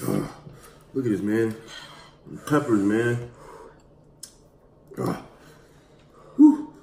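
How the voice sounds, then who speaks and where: A man's voice: lowish voice, huge pitch swings, drawn-out words, vocal fry, dark tone. A man in his thirties chatting casually as he eats, choking and coughing with his mouth burning from spicy food. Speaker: spicy food challenge participant. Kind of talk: casual reaction chat while eating. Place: small room at home, indoors. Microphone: camera across the table. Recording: echoey room, noticeable background noise.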